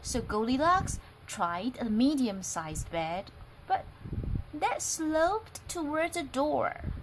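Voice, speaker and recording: A woman from Taiwan, an English teacher, reading a picture book aloud in an expressive storytelling way. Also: high-pitched, slow, noisy background.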